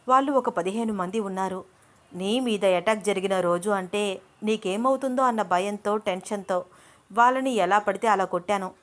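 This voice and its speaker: A woman narrating an audio story gives voice to a level-headed young man who explains matters patiently and affectionately. She keeps his pitch close to her own middle range, his tone even and reasoning, and the acting is light.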